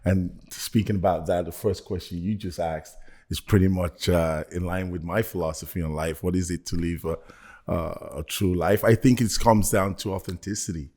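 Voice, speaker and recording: A man's voice: sits low, fairly even intonation, normal speed, a little mellow. A man from Belgium, a motivational speaker, talking earnestly and reflectively as a podcast guest. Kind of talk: casual podcast conversation.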